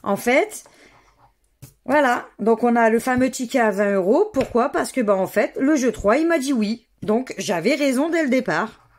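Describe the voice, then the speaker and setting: A woman's voice: on the high side, animated, normal speed. A woman from France giving a casual running commentary as she scratches lottery tickets, spelling out letters one by one. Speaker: scratch-card vlogger.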